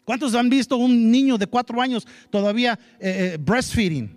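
A male pastor gives an animated sermon, switching into English phrases and acting out what people say. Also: very high voice, moderate pace, no room sound. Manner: mixes Spanish with English phrases; animated preaching that acts out quotes.

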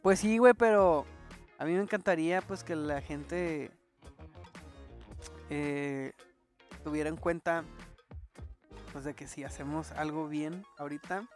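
A woman's voice: sits low, a little slow, pauses often, darkish tone, soft background music. A young woman with a Mexican accent chatting casually, full of street slang and swearing. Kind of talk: casual chat.

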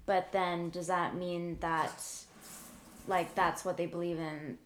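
A young woman from Canada chatting casually, slow and thoughtful with many fillers. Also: fairly low pitch, little pitch movement, slight background noise. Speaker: conversation card game player. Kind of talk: casual chat.

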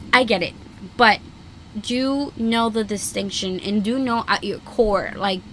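A young woman hosting a casual solo podcast, chatty and excitable, filling her talk with "like". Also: medium pitch, slight background noise, rough recording. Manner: chatty, many "like" fillers, excitable. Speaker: podcast host.

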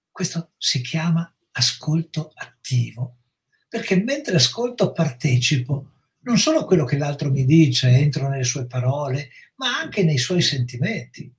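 Measured Italian-speaking male psychologist. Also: on the high side. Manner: measured, explanatory. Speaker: psychologist guest. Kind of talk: reflective educational talk.

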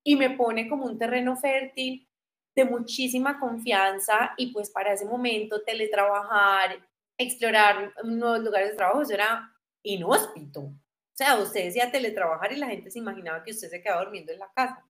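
A woman in her thirties with a Medellín Colombian accent, telling her story in a lively, casual interview. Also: a little high, normal speed. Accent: Medellín Colombian Spanish. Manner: animated, acts out quoted voices. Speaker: guest.

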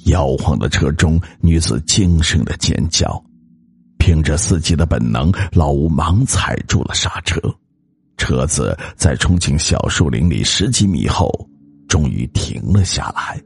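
A male storyteller with a very deep, gravelly, husky voice reads a ghost story. He speaks slowly and builds suspense, his pitch rising and falling in wide swings. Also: expressive. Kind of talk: scripted ghost story narration.

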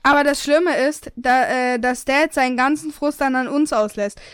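A woman's voice: sits high, normal speed, fairly bright tone, smooth, no room sound, studio quality. A young woman casually reading aloud a story she wrote, with slips and self-corrections. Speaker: reader of her own story.

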